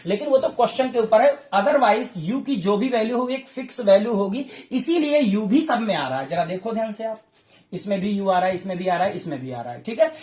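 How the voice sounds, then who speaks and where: A man teaching a physics lesson at a whiteboard for exam preparation. He works through each step and keeps checking in with a quick "okay". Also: sits high, animated, a little mellow, echoey room. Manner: addresses viewers fondly as dear children.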